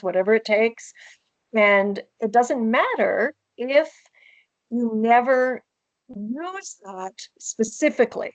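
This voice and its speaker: An older woman speaks in a soothing transatlantic accent with old-Hollywood elegance. Her voice sits a little high. The sound is dry and somewhat dull, as on a video call. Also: no echo. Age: older, 60s or above. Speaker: guest author and presenter. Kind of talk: conversational question-and-answer on a webinar. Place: book-lined room at home, on a video call.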